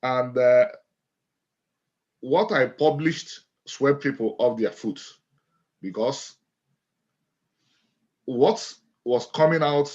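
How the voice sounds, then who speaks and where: A middle-aged man with a Nigerian accent tells his story as an interview guest. He speaks in a measured, deliberate way at an ordinary pitch and often restates a phrase. The audio is dull and lo-fi. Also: a little mellow. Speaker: guest, author and lawyer.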